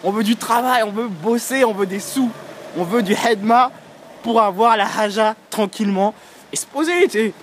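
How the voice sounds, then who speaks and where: A man's voice: high-pitched, normal speed, a little hiss or hum. A young man ranting casually and provocatively, rambling with lots of fillers and slang, recorded in a vehicle. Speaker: vlogger. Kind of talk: casual rant vlog.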